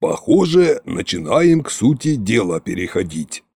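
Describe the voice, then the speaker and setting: A man reading an audiobook, voicing a weary, grumbling old tsar-sorcerer who speaks low, slow and resigned. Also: sing-song, dark tone, breathy edge, full character voice.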